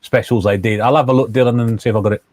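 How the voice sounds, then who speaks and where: Hesitant quick man, dry sound. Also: mid-range voice, fairly even intonation, a little mellow, dry recording. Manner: hesitant, repeats words. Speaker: guest trader. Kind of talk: casual livestream chat.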